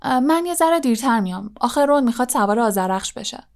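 A woman's voice: on the high side, expressive. A woman reading an audiobook aloud, voicing a modest teenage boy wizard who talks casually and a little hesitantly.

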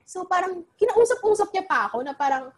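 Animated young woman telling a story. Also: extremely high pitch, a little fast. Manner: animated, Taglish code-switching, many fillers. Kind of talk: casual storytelling.

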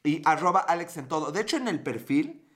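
A man's voice: on the high side, sing-song, brisk, fairly bright tone. A man with a Mexican accent chatting casually on a livestream, rambling, slangy and swearing, reading out his viewers' comments, a bit tipsy. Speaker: livestream host reading chat.

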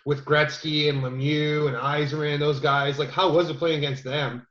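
A man's voice: fairly high pitch, little pitch movement, moderate pace, a bit bright. A man hosting a podcast and asking a guest questions, stumbling over his openings. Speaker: podcast host. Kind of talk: casual interview questions. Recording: dull, echoey room sound.

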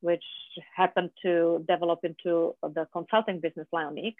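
A business founder from Czechia, a native Czech speaker with a Czech accent, is a guest on a podcast interview. She or he speaks haltingly with many fillers and restarts in a mid-range voice. The sound is dry with no echo over a tinny phone line.

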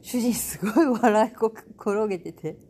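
A woman's voice: mid-range voice, normal speed, warm tone. A middle-aged woman hosting a casual solo talk, chatty and self-amused, with lots of fillers. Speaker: podcast host. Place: home in Bali.

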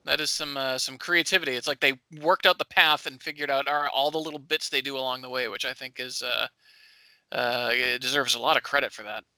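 A man's voice: medium pitch, fairly even intonation, brisk, sharp tone, clear, resonant tone. A man co-hosting a podcast in casual chat, wry and sarcastic, laughing often. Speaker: podcast co-host.

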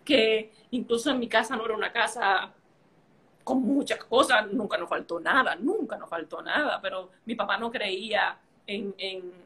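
A woman's voice: mid-range voice, normal speed, a bit bright. A woman telling a personal story in casual conversation, emotional and vivid, filling gaps with playful sounds. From a Caribbean island. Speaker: podcast conversation partner. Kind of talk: casual chat.

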